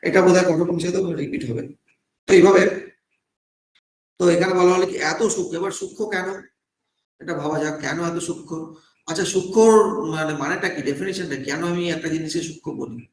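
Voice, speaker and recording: Man, monk, scripture teacher, fairly high voice, echoey room, explains patiently. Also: steady tone, fast talker, pauses often. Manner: explanatory, mixes English words into Bengali; asks and answers his own questions. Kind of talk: scripture class lecture.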